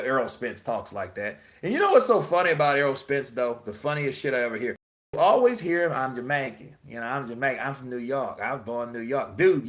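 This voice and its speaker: A man hosting casual boxing commentary, emphatic and profane, firing off rhetorical questions. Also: on the high side. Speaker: boxing news host.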